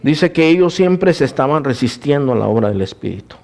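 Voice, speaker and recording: A man, a pastor, preaching a sermon and telling his own testimony, calling the listeners "brothers", moving between raised preaching and hushed storytelling. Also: on the high side, expressive, brisk, gravelly.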